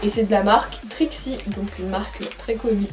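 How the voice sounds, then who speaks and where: A young woman chatting casually as she unboxes a monthly pet box, chatty and full of fillers and excited asides. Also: medium pitch, moderate pace. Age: young adult.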